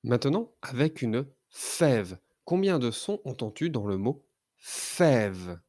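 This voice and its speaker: A man teaching a child to read, sounding out letters and syllables slowly and carefully. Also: medium pitch, sing-song, a little mellow, no room sound, clean studio sound. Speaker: reading teacher. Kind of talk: children's phonics lesson.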